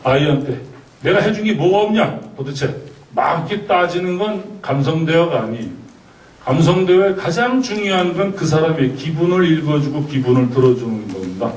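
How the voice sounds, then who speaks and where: A man's voice: fairly high pitch, expressive, a little fast, darkish tone. Man lecturing in an echoey hall. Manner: asks the audience questions and has them repeat phrases. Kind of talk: lecture on communication. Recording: roomy, distant mic, faint background noise.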